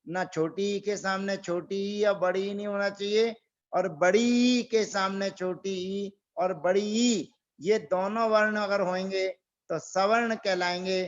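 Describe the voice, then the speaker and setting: Slow high-voiced grammar teacher. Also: male voice, dull audio. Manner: slow, repeats rules and drills pronunciation. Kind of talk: online grammar class lecture.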